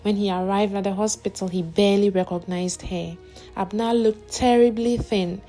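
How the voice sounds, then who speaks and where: A woman narrating a scripted story in a steady, somber manner. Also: medium pitch, normal speed. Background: faint music.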